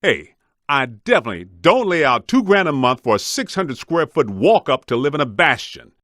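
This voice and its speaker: These scripted game lines come from a ghost hunter with a streetwise, blue-collar attitude who gripes and cracks jokes in a wry, grumbling mood. His pitch jumps all over the place at a moderate pace, captured in a dry, close-miked recording.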